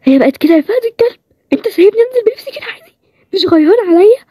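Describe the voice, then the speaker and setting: A woman voicing a sharp-tongued young heroine with an Egyptian accent, in a bantering, higher-pitched way. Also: lively intonation, rapid-fire, no room sound. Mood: flustered. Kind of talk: storybook role-play series.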